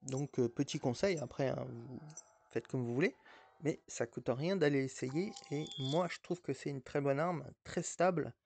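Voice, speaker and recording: A man's voice: medium pitch, normal speed, gravelly, a little mellow, slight background noise. A man giving casual, rambling gameplay commentary as a mobile gaming YouTuber, with frequent hesitations and restarts.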